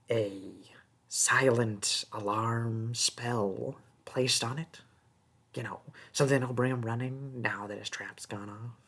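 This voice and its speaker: In a fantasy audio roleplay, a performer voices a small, sneaky goblin thief who mocks, taunts, and haggles with drawn-out wheedling. The mid-range voice is husky and breathy, often dropping to a whisper, with a teasing, haggling mood.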